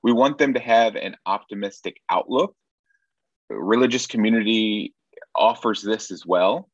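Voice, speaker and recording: A man from Nashville, Tennessee, appears as a sex therapist guest, giving conversational interview answers that are earnest, wry and reflective. His voice sits on the low side at a measured pace, and the recording is dry with no room sound and the highs cut off.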